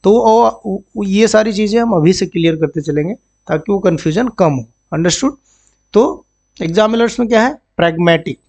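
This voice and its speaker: Male tutor, higher-pitched with a gravelly edge, drills words and keeps checking in. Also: normal speed, darkish tone. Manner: repeats words and asks "understood?" often. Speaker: banking exam vocabulary teacher. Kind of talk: Hindi-English classroom explanation.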